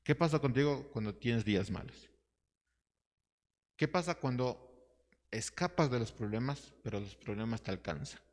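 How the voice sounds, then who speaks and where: A man's voice: medium pitch, normal speed, long pauses. A man teaching a Bible study class, reading scripture aloud and asking his listeners questions. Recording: hall reverb.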